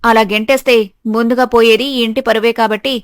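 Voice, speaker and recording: A woman voicing a meek but steadfast young daughter-in-law in an animated story, earnest and pleading. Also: fairly high pitch, fairly quick, no room sound, studio quality, lightly acted. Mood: defiant.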